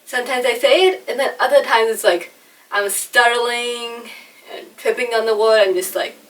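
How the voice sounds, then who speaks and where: A young woman vlogger, adopted from China and raised in America, tells a personal story in a chatty, self-deprecating way about her own speech. Her voice sits on the high side with a fairly bright tone and a moderate pace, and she has a slight lisp and some trouble with R sounds. The recording is low quality, with the mic placed at a distance.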